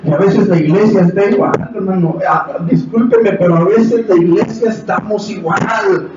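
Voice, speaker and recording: A man with a Mexican Spanish accent preaching a sermon as pastor, impassioned, acting out quotes and rising to shouts. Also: high-pitched, normal speed. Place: church hall. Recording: echoey hall from far off, dull, faint hiss.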